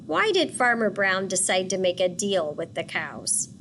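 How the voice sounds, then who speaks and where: A woman teacher reading a picture book aloud and pausing to ask children questions. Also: medium pitch, big pitch swings, a bit bright, a little hiss or hum. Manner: patient, asks questions for children.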